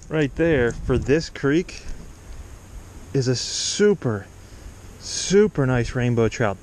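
A man vlogging outdoors by a mountain stream, talking enthusiastically and exclaiming as he fishes, recorded on a chest-mounted camera. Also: mid-range voice. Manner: enthusiastic, exclaiming, laughing often. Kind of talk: excited outdoor vlog commentary. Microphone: chest-mounted action camera.

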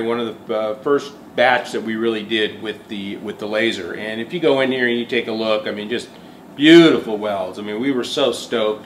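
A shop owner in his fifties speaks candidly on camera in an indoor workshop, standing beside a welding machine. His voice is lowish and a little bright, and he thinks aloud with fillers and restarts in a casual explanation. The workshop sounds echoey, with a faint hum in the background.

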